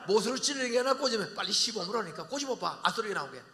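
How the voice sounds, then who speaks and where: An older man preaching a revival sermon, leading call-and-response and bantering bluntly with the congregation, with sudden shouted peaks. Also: sits high, expressive, rapid-fire, heavy background noise. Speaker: pastor. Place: large church sanctuary. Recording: long church hall reverb.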